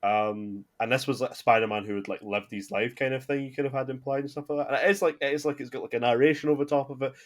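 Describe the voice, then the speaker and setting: Fast-talking rambling podcast host. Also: male voice, medium pitch, steady tone. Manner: rambling, heavy filler words, self-correcting. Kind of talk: casual chat.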